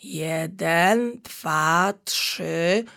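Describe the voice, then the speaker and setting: A small lion cub boy speaks up earnestly and a little timidly, as a woman reading a storybook puts him on. The voice sits a touch higher than her own, with a gravelly texture. Slow and careful. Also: a bit bright, exaggerated voice. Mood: wondering.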